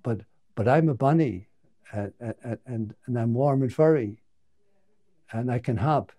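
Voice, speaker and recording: A man's voice: medium pitch, measured pace, dark tone, close to an everyday voice. A man voicing a shy, lonely young male bunny who stammers timidly as he asks to join a party. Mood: timid hopeful.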